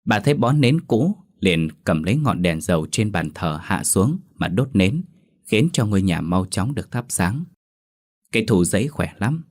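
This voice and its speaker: A man narrating a horror story dramatically. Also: on the low side. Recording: faint music behind.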